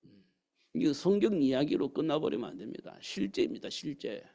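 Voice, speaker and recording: Pastor guy giving a sermon, gravelly kinda raised voice, keeps asking the church questions. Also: fairly high pitch, expressive, fairly quick, warm tone. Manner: preaches with rhetorical questions and acted quotes of God's words. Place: church sanctuary.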